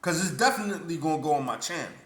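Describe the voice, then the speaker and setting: A man's voice: fairly high pitch, expressive, rapid-fire, fairly bright tone. Indignant man ranting in a roomy echo. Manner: repetitive, stammering restarts, blunt and indignant. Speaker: vlogger. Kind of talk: casual opinion rant.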